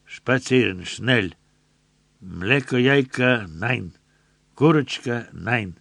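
A man voicing a leering, menacing middle-aged German soldier who speaks in broken, German-accented words, slow and mocking. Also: mid-range voice, lively intonation, creaky, a bit bright, dry recording, heavily acted. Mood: commanding. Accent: broken German-inflected speech.

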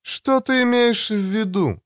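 A man's voice: unhurried, fairly bright tone. A man voicing a curt, proud woman captain. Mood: curt, demanding. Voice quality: raised pitch, clipped and insistent. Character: blunt, proud female army captain. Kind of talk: audiobook character voice.

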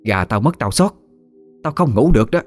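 A man voicing a shrill, spiteful old village woman who scolds and curses her neighbours. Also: very animated, normal speed, faint music behind, close to an everyday voice. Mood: scolding.

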